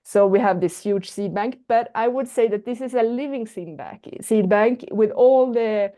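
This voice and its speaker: Presenting online as a guest speaker, a Swedish woman speaks English as a non-native, with a Swedish accent and frequent fillers and restarts. Her fairly high, mellow voice moves at a moderate pace.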